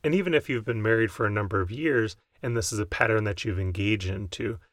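A man's voice: on the low side, quick pace, dry recording, studio quality. A man with an American accent giving conversational, explanatory advice as a podcast co-host. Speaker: podcast co-host, mental health provider.

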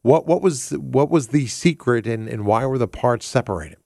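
A man with a medium-pitched voice hosts a talk radio show. He talks conversationally, circling back to rephrase and throwing out rhetorical questions. The sound is close and dry, with hardly any room in it. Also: animated, moderate pace, vocal fry, a little mellow, no room sound. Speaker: radio host. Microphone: close studio microphone.

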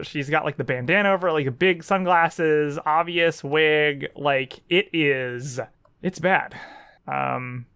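A man's voice: a little high, fairly bright tone, smooth, no echo. A man co-hosting a casual podcast, recapping an episode in a sardonic, profane way with lots of fillers.

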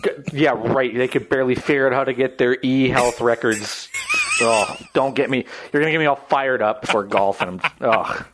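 A man's voice: mid-range voice, wildly swooping pitch, normal speed, background noise. A man co-hosting a sports podcast, dry and teasing in casual banter. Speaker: podcast co-host.

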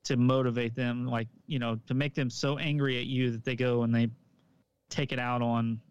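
A man's voice: mid-range voice, flat delivery, normal speed, clear, resonant tone, lo-fi sound. A man who coaches, co-hosting a casual podcast chat in an easygoing, hedging way full of "like" and "um".

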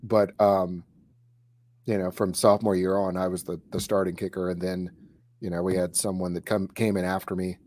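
A man's voice: deep voice, level tone, normal speed, darkish tone. A man telling a story in a casual chat, with many fillers and restarts. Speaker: co-host recalling high school kicking.

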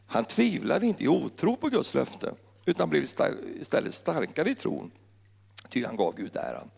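Gravelly, lively male preacher in a hall. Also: a little high. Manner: playful, joking preacher with wordplay. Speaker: pastor. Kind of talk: sermon.

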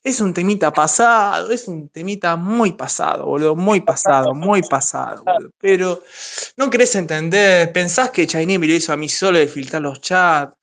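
A man's voice: sits high, normal speed, vocal fry, a bit bright. A man with a Rioplatense Spanish accent, taunting someone in heated banter, repeating jabs and talking over them. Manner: mocking, repetitive, talks over others. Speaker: streamer in a voice-chat space.

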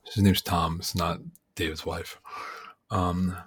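A man's voice: deep voice, little pitch movement, takes it slowly, breathy edge. A man co-hosting a podcast in casual chat, rambling with lots of fillers and easy laughter. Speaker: podcast co-host.

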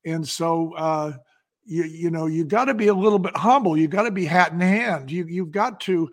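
A man's voice: a little high, moderate pace. A man, a company founder and guest, telling business stories in an interview with an emphatic, folksy delivery that repeats phrases for effect. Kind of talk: animated storytelling in an interview.

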